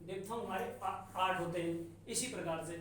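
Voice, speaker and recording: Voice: medium pitch, fairly bright tone. Teacher at the board, patient drill-style delivery, heard from across a very reverberant room. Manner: slow, repetitive, sounding out examples. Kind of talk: classroom lesson on English sounds. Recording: very echoey room from far off, faint noise.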